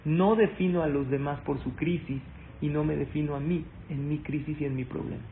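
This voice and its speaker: A man giving a sermon, telling stories in an animated way and asking his audience questions. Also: on the high side, fairly quick. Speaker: rabbi giving a talk. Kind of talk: live-streamed sermon with storytelling. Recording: tinny phone-like sound, faint noise.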